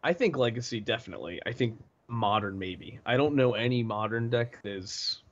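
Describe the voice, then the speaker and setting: A man's voice: medium pitch, expressive, normal speed, dull audio. A young man co-hosting a card review in an easygoing, agreeable way, often trailing off mid-thought. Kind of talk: casual chat.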